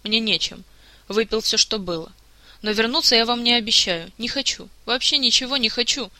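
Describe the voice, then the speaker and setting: A bitter, petulant young prince with a raised, piercing voice, as a man reading the story puts him on. He sulks and hurls accusations in a very bright, cutting tone. The sound is dry and close. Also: very high-pitched, moderate pace, no room sound, full character voice. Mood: sullen. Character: sulking young male prince, drunk and bitter.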